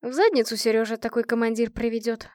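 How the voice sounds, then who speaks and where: A woman's voice: a little high, quick pace, a little mellow, no echo, clean studio sound, natural voice. A woman voicing a hot-tempered, blunt young female commander. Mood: heated.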